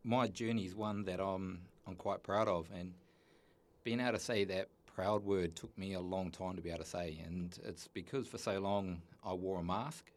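A man with a New Zealand accent and a very low, deep voice. He speaks earnestly, often pausing and restarting his sentences as he tells his own story. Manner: earnest, halting with many restarts. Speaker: guest. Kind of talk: candid personal story.

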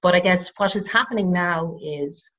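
A dull, lo-fi recording of an Irish woman in middle age. Her voice is low and croaky. She explains things informally, measured and hesitant, pausing often as she goes. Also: a bit bright. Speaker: psychotherapist, interview guest. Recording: dull, lo-fi sound.

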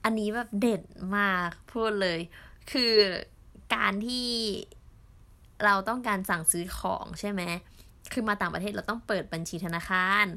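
A young woman from Thailand, an au pair, telling stories in a chatty vlog with many fillers and pauses. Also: mid-range voice, bright, forceful tone. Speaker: au pair vlogger. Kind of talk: casual storytelling vlog.

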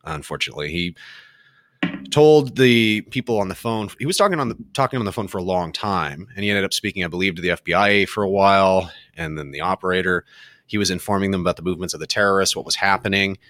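A man co-hosting a casual talk show, relaxed and earnest, with dry jokes. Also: low-pitched, fast, dry recording. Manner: relaxed, earnest, joking aside. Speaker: show co-host.

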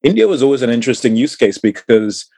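A man's voice: mid-range voice, very animated, fast talker, gravelly, a little mellow, slightly rough, no echo. A man from Trinidad, middle-aged, answering interview questions thoughtfully, with many fillers and repeated words. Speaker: guest, climate tech entrepreneur.

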